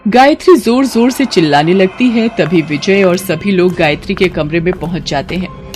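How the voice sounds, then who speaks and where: A woman narrating an animated horror story in a steady storytelling manner. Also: lowish voice, moderate pace, soft background music.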